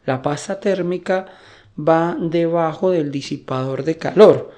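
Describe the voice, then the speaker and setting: Fairly high-pitched and mellow, the male host talks a little slowly. His casual computer-maintenance tutorial goes step by step, with frequent checks that viewers are following along.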